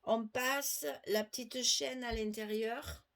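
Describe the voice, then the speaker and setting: Slow, chatty woman crafting. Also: on the high side, steady tone, a bit bright. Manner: chatty, explains while working, asides to viewers. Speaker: crafting tutorial host. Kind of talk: step-by-step craft demonstration.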